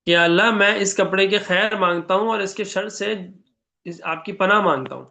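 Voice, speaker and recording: A man with a Pakistani Urdu accent teaching an online Quran class in a conversational way, often checking with students and reciting prayers slowly. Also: sits high, vocal fry, bright, forceful tone. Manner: conversational, asks the class questions. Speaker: religious teacher.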